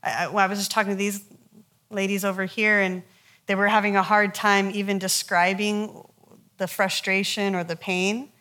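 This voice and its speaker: A woman leads a counseling workshop in an easy, conversational teaching voice that sits at a middle pitch. She tells stories from her own sessions with animation, laughs often and speaks to her listeners directly. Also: flat delivery, moderate pace, bright, forceful tone.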